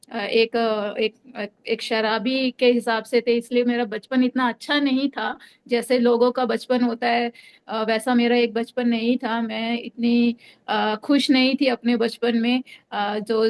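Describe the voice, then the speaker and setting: A woman's voice: on the high side, a little mellow, clean tone. A young adult woman from Delhi giving a personal faith testimony, hesitant, with many fillers and restarts. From Delhi, India. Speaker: testimony speaker.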